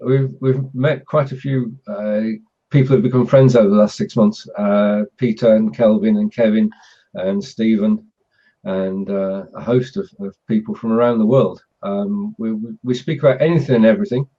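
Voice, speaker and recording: Mellow-voiced man hosting, dull lo-fi sound. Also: lowish voice, fairly even intonation, moderate pace. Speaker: host. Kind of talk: casual online chat show hosting. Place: group video call. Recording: dull, lo-fi video call audio.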